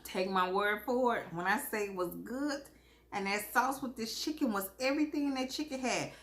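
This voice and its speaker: A woman chats casually to her viewers as a mukbang vlogger, eating crunchy fried chicken and drinking as she talks, in a folksy, expressive way with savoring hums. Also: fairly high pitch, moderate pace. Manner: folksy, expressive, chuckles often.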